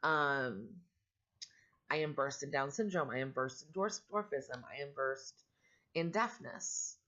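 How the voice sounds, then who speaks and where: A middle-aged woman talks candidly to her vlog in a growly voice, rough from allergies. She rambles along in a plain, matter-of-fact way. The recording sounds a little dull and lo-fi. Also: very deep voice, animated, measured pace, a bit bright. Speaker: vlogger and foster parent. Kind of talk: casual personal vlog talk.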